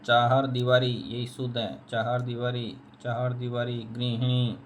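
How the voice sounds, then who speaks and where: A man's voice: mid-range voice, monotone, a little slow, slight background noise. A man teaching a spelling lesson, repeating each word and answering his own questions. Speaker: Hindi teacher.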